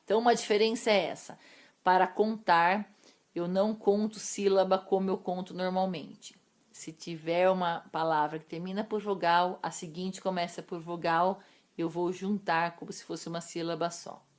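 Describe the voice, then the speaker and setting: Brazilian woman literature teacher, slightly low voice, patient and explanatory, speaks straight to the class. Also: fairly even intonation, normal speed. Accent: Brazilian Portuguese. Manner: explanatory, addresses students directly. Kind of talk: recorded class lesson.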